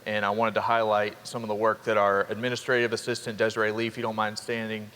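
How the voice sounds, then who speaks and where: A young man, a college dean of students giving an upbeat orientation welcome to students and parents, with quick asides to the crowd. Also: on the low side, monotone, bright, forceful tone. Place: large hall. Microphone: handheld microphone. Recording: reverberant hall with faint ambience.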